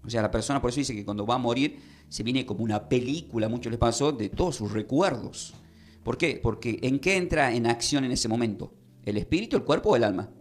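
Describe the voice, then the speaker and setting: A man's voice: mid-range voice, fast talker. A man preaching a Bible-study sermon, explaining verses and having his listeners repeat his phrases. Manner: teaching, asking the congregation to repeat phrases. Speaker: pastor.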